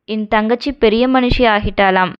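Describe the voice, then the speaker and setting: A woman's voice: fairly high pitch, moderate pace, smooth, dry recording, close to an everyday voice. Story reading: a woman voicing an emotional young wife, plaintive, on a dull lo-fi track. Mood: upset. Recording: dull lo-fi recording.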